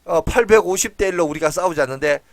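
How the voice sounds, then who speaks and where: Cocky pagan priests, as a pastor plays them, loud and sure of themselves. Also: male voice, fairly high pitch, quick pace, no echo, natural voice. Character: boastful crowd of pagan priests.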